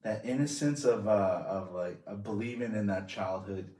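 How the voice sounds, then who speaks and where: A man's voice: lowish voice, moderate pace, mellow. A man, a comedian guest, chatting casually and rambling with crude jokey asides. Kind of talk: casual interview chat. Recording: roomy echo, distant mic.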